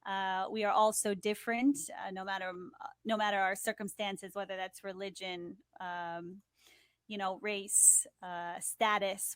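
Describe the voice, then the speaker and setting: A woman's voice: mid-range voice, a bit bright, dry recording, studio quality. A young woman telling stories as the guest of an interview in an upbeat, chatty way. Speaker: guest, TV host and producer. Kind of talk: conversational interview.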